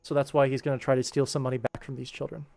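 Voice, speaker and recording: With music in the background, a man who animates and livestreams answers viewers while working, casually explaining what he's doing. He talks rapid-fire in a flat, creaky, darkish mid-range voice.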